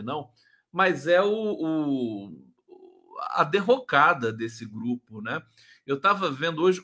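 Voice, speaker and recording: A man's voice: medium pitch, sharp tone. A man with a Brazilian Portuguese accent hosting a live stream, chatting casually, greeting viewers by name and commenting on politics. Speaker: live show host.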